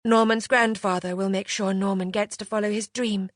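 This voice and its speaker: A woman's voice: mid-range voice, fairly even intonation, normal speed, no echo, studio quality, pitched above the performer's own voice, close to an everyday voice. A woman voicing a spirited young governess who speaks earnestly and frankly in her own defense.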